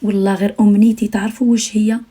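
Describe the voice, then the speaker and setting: A woman's voice: mid-range voice, level tone, rapid-fire, dark tone, slightly rough. A young Algerian woman talking earnestly to her viewers on a late-night live stream, repeating her phrases and sometimes dropping almost to a whisper.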